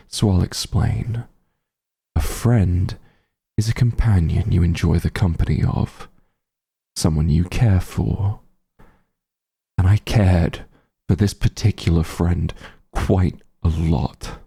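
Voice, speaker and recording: In a scripted ASMR roleplay, a man performs a slow, dramatic monologue as a grim fantasy werewolf hunter grieving his missing friend. The full character voice is very low, husky and warm in tone, while the character is cold and contemptuous with bitter grief underneath. He speaks slowly and deliberately, full of menace.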